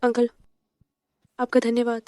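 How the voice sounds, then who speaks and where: An actress playing a gentle, timid young pregnant wife who speaks softly and hesitantly. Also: female voice, on the high side, completely flat delivery, measured pace, natural voice. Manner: soft, hesitant.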